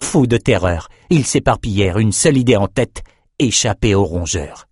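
A man with a lowish voice reads a fantasy adventure aloud as narrator. His reading is measured and dramatic. The sound is close and dry, with no room echo. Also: animated, a little mellow, slightly rough. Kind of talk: storybook narration.

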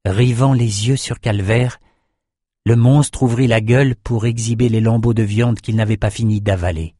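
Low-voiced male fantasy audiobook narrator. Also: fairly even intonation, moderate pace, warm tone, dry recording, studio quality.

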